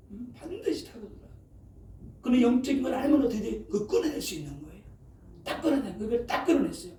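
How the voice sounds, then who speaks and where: Middle-aged guy preaching in a church, mellow dark voice, keeps tossing out "eh?" to the crowd. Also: very high-pitched. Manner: frequent rhetorical "어?" and "예?" prompts to the congregation. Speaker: pastor. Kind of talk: sermon. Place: church sanctuary. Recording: echoey room, mic at a distance, faint ambience.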